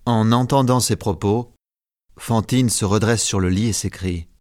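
A man narrating a story as an audiobook, in a measured, clear storytelling delivery. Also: lowish voice, darkish tone, no room sound, clean studio sound.

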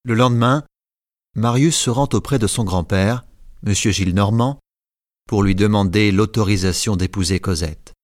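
A man narrating a simplified classic novel in a measured, clear storytelling manner. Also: on the low side, no echo, studio quality.

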